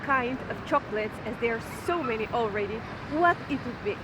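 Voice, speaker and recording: Bubbly high-voiced woman hosting street interviews. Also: animated, fairly quick. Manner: cheerful, laughs often, rises high when greeting. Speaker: vlog host interviewing passers-by. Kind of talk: street interviews at Christmas markets. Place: outdoor Christmas market in a city. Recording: clear city noise behind.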